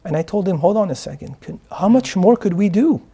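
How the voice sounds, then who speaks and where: A man's voice: sits high, expressive, fairly quick, mellow, husky. Earnest man from Morocco. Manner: earnest, repeats words when starting sentences. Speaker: guest, charity founder. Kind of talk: interview answers. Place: studio.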